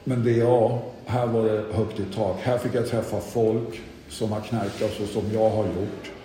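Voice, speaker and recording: A man's voice: fairly low pitch, little pitch movement, warm tone, a little hiss or hum. A middle-aged man tells his own recovery story in a candid, self-deprecating way. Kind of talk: personal testimony talk. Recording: echoey hall with audience.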